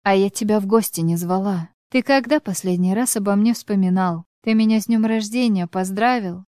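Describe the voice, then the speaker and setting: A woman voicing a bitter, sharp-tongued ex-wife of about forty who snaps with scorn, in a smooth voice. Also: mid-range voice, moderate pace, no room sound, studio quality, close to an everyday voice. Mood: scornful, bitter. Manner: scornful, snapping.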